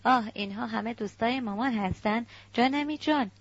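A woman voicing a frightened, innocent little girl in a storybook reading, with childlike questions. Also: on the high side. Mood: delighted. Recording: dull lo-fi recording.

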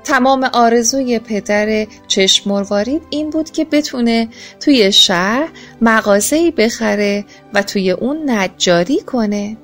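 Woman storyteller, children's tale, gentle, expressive, raised pitch, soft background music. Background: faint music.

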